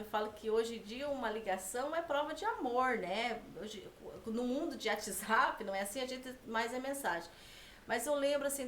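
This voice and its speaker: A woman's voice: a little high, fairly bright tone, roomy sound, a little hiss or hum. A Brazilian woman guest telling a heartfelt personal story in conversation, often ending phrases with tag questions. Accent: Brazilian Portuguese. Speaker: podcast guest.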